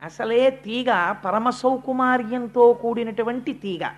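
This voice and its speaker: A religious discourse speaker telling a sacred story, moving between slow, emphatic lines and quick narration, and chanting verse. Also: mid-range voice.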